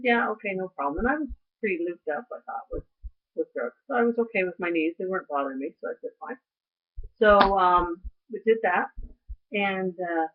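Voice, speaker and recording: A middle-aged woman in a chatty vlog, telling a story and acting out the other people's lines. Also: medium pitch. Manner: chatty storytelling, acts out quoted voices. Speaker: vlogger. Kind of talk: casual recovery update. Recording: tinny lo-fi audio.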